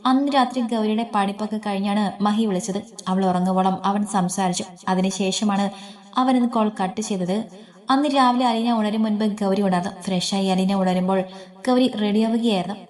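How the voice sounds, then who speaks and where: A woman narrating a scripted story in a gentle, even reading voice. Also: medium pitch, normal speed.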